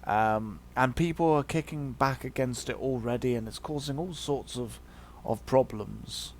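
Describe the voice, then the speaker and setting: A man's voice: medium pitch, measured pace, slight background noise. A man hosting a video, giving a casual opinion monologue in a hesitant, reflective way. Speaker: video host.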